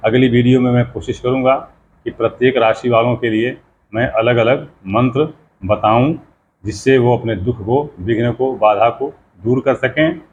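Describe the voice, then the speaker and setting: Middle-aged man, pandit giving a lesson, repeats sounds slowly, rhetorical questions, mid-pitched voice, slightly muffled recording. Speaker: pandit teaching mantra pronunciation. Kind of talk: spoken lesson to camera. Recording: slightly dull lo-fi sound, faint background noise.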